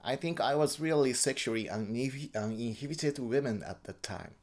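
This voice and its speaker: A man from Japan with a Japanese accent gives a personal account in halting English, often repeating and correcting words. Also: mid-range voice, darkish tone. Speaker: interviewee.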